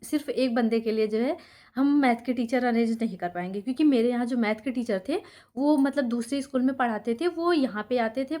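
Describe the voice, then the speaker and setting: A woman's voice: a little high, a little mellow. Chatty young Indian woman telling her story. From Sultanpur district, Uttar Pradesh, India. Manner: conversational, checks in with "ठीक है?" often. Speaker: teacher and YouTuber. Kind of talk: casual storytelling to camera.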